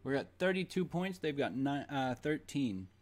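A man streaming a board game, muttering to himself in a relaxed way with some mild cursing. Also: medium pitch, normal speed. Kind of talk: casual commentary while playing.

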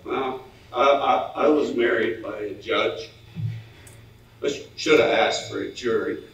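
A man's voice: medium pitch, measured pace, dull audio, close to an everyday voice. An older man playing a joking married man at a bar in an amateur stage comedy skit, stammering as he delivers his jokes. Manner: hesitant, stammering joke delivery. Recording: echoey hall, far-off mic, faint noise.

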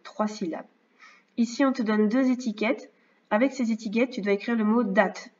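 A woman teacher giving a remote reading and maths lesson to young children, speaking slowly and clearly and often checking in with "d'accord?". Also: on the high side, a little mellow. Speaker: first-grade teacher. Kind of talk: remote lesson narration over slides. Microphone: computer mic. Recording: slightly dull lo-fi sound.

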